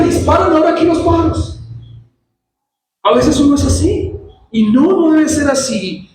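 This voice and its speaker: Pastor, man, very high voice, animated sermon; distant mic in a very echoey church hall. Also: a little hiss or hum. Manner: animated preaching, acts out quoted voices. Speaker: pastor teaching a church service.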